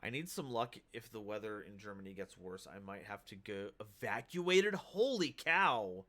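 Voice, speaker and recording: A man's voice: lowish voice, animated, normal speed, a bit bright. A man hosting a casual livestream, upbeat and hype, who reads card text aloud. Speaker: streamer host.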